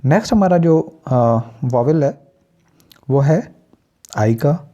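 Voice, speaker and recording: Male teacher from Pakistan, unhurried and methodical. Deep mellow tone, muffled lo-fi recording. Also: lively intonation. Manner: deliberate, lists example words one by one. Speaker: English teacher. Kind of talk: spoken pronunciation lesson. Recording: dull lo-fi recording.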